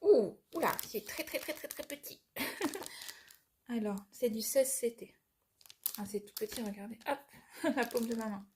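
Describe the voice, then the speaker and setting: A woman's voice: on the high side, measured pace, pauses often, background noise. Chatty woman unboxing a craft kit. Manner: chatty, with fillers and little laughs. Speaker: cross-stitch vlogger. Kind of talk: casual unboxing vlog.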